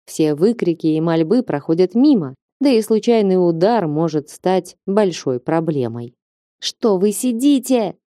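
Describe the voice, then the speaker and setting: A woman reading an audiobook with even, measured narration. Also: fairly low pitch, dry recording, studio quality. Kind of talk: scripted narration.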